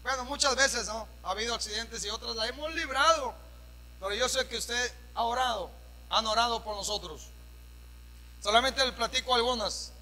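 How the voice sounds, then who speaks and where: A Mexican pastor preaching a sermon, shouting at the peaks and dropping into casual storytelling with questions to the congregation. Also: male voice, very high-pitched, moderate pace, long reverb tail, poor audio. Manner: drops to a conversational storytelling tone for anecdotes. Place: church hall.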